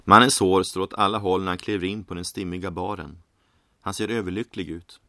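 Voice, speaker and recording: A man reading a story aloud in a calm, measured narration. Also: low voice, no room sound. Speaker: audiobook reader.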